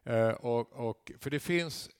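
Male preacher, conversational sermon with loud emphatic climaxes, dry recording. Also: medium pitch, smooth, no echo. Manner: tag questions and asides to the congregation. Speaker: guest preacher.

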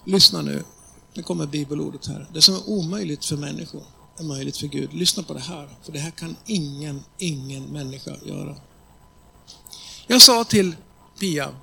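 A man preaching a sermon as an animated storyteller, addressing the audience directly. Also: on the high side, gravelly, slight background noise.

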